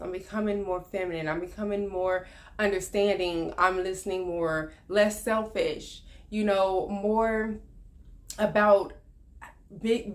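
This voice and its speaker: A woman in her thirties talking earnestly about her life in a personal vlog, reflective and loose, with many fillers. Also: medium pitch. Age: 30s. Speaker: vlogger.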